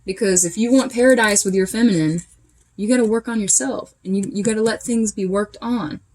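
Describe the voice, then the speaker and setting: A woman's voice: mid-range voice, fairly quick, a little mellow. A woman giving a casual channeled tarot reading, chatty and emphatic, coaching her listeners directly. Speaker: tarot reader.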